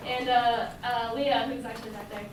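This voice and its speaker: A woman's voice: a little high, fairly even intonation, moderate pace, background noise. Chatty young woman, echoey distant hall. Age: young adult. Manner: chatty, many filler words, laughs often. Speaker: storyteller. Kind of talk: live personal storytelling.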